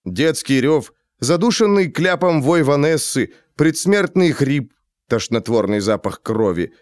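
A man reading a fantasy novel aloud with expressive, dramatic narration. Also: fairly high pitch, measured pace, no echo, studio quality. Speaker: audiobook narrator. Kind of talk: scripted narration.

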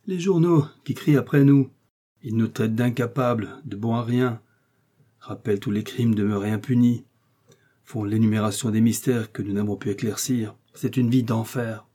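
A man's voice: fairly low pitch, fairly even intonation, moderate pace, mellow, close to an everyday voice. A man reading an audiobook, voicing an agitated middle-aged police chief who talks nervously and complains. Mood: exasperated.

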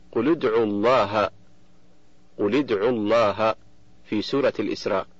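A man giving a steady, measured audiobook reading of a book on Quran recitation rules, slowing down on quoted verses. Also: mid-range voice, slightly rough, dry recording. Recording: dull lo-fi dry recording.

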